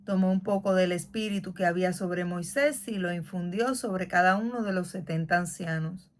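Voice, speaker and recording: A woman hosting a Bible podcast, reading scripture aloud in a measured, earnest way after a prayer. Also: on the low side, slight background noise.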